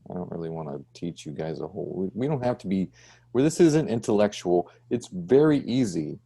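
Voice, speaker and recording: A man's voice: deep voice, lively intonation, fairly quick, gravelly, mellow, husky. A man teaching an online design class over a video call, chatty and checking in with "right?". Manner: conversational, often checks with "right?".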